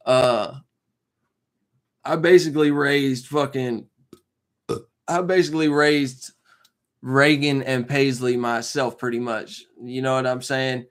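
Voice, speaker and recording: A man's voice: mid-range voice, a bit bright. Twenty-something guy rambling on his live stream, slangy, loose, keeps saying you know what im saying. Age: 20s. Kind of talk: casual live-stream chat.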